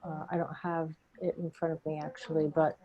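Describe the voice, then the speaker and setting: A woman's voice: deep voice, level tone, a little fast. A woman serving as a town finance officer, answering budget questions in a matter-of-fact way over a video call. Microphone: computer mic on a video call. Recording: dull lo-fi call audio.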